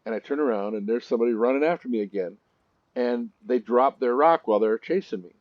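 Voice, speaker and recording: A man's voice: medium pitch, animated, fast, no room sound, highs cut off. A man hosting a let's-play gaming video, telling stories in a chatty way with nervous asides.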